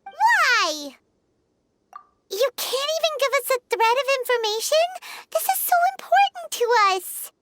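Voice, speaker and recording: A tiny childlike fairy sidekick in an animated game. The voice is extremely high and squeaky, swinging widely in pitch as she talks bluntly and inquisitively in a slow, dry-sounding delivery. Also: noisy background, heavily acted. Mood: pleading, upset. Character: small childlike female fairy companion, chirpy, inquisitive, blunt. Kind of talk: animated video game dialogue.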